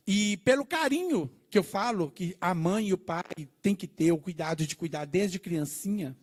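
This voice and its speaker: A middle-aged man preaches his testimony to a church congregation. His voice sits high and swings widely as he tells the story with animation, acting out the dialogue and checking in with the listeners. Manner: addresses the congregation with "né" and "gente". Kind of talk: testimony sermon.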